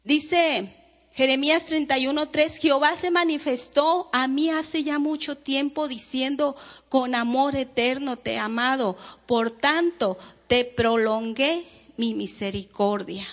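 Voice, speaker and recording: Woman preacher, high voice, fervent sermon, lingering hall echo. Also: measured pace, a bit bright. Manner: fervent, addresses listeners as brothers and sisters; dramatizes quoted prayers and speech.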